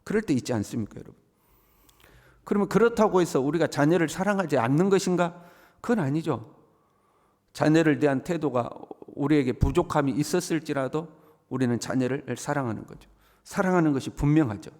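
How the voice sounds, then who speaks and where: Pastor preaching in a reverberant church hall. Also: male voice, on the high side, lively intonation, a little fast, darkish tone. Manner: preaches with rhetorical questions to the congregation. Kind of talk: early-morning sermon.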